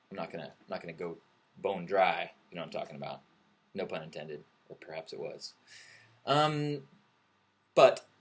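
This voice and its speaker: Low-voiced man rambling jokingly. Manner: rambling, joking, self-correcting. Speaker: livestream host. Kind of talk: casual livestream chat. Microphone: webcam.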